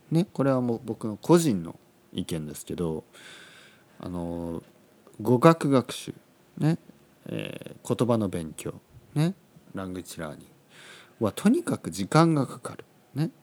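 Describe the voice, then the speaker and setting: A man hosting a podcast for Japanese learners, speaking softly and slowly because of a sore throat, often adding "ne" and repeating phrases. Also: fairly low pitch. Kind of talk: slow, simple podcast talk for learners. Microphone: studio microphone, seated.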